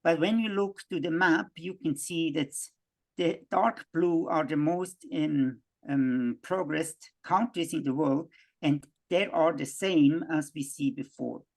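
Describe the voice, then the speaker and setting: A man from Switzerland, giving a halting worldview lecture full of restarts and fillers. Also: a little high, creaky.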